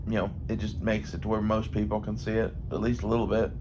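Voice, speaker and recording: A fast-talking American man with a fairly low, monotone voice rambles casually, thinking aloud and swearing freely. He's a gun hobbyist vlogger, recorded with faint background noise and faint ambient sound behind him.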